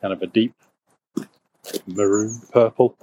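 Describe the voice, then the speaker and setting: A man's voice: lowish voice, steady tone, measured pace, dark tone, highs cut off. A man chatting casually on an outdoor walk, rambling and stumbling over his words with frequent laughter. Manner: rambling, stammers and repeats himself, laughs often. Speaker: co-host.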